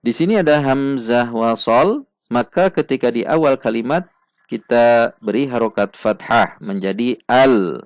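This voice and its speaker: A man leads a slow, step-by-step recitation lesson, his gravelly voice recorded close and dry. He sounds out each syllable with care and repeats it until it is exact. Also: medium pitch, no room sound. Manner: patient, repeats syllables slowly and precisely. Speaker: Quran recitation teacher.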